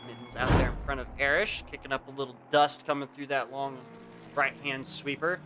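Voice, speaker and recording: A man in the middle of his voice range hosts a sim racing stream and talks through the action in a relaxed, chatty way, often turning to greet his viewers. He speaks into a home streaming mic. Racing game engines roar clearly underneath his voice. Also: mid-range voice, brisk. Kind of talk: casual live race commentary. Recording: game car engine noise behind voice. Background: racing game engine and track sounds.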